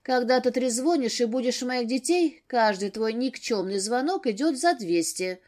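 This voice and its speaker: A woman voicing a sharp-tongued, weary young wife, pitched up. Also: expressive, normal speed, natural voice. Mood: sarcastic. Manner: snappy, sarcastic, raised voice.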